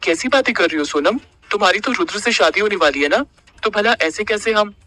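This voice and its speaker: Man reading a nervous young guy, light and teasing, a touch higher. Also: animated, fairly quick, pushed and bright.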